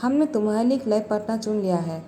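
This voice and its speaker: Woman narrating a fan story, mellow voice. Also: mid-range voice, expressive, fast, faint music behind. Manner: narrates and voices every character herself with little change.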